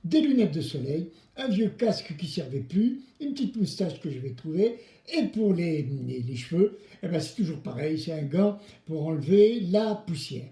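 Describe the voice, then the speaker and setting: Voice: mid-range voice, sing-song, normal speed, warm tone. A person presenting a craft tutorial for children, speaking French directly to the kids in a playful, theatrical way and prompting them to respond. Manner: playful, theatrical, exclamatory, asks the children to answer. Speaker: presenter of a children's DIY video series. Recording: roomy, echoing indoor sound.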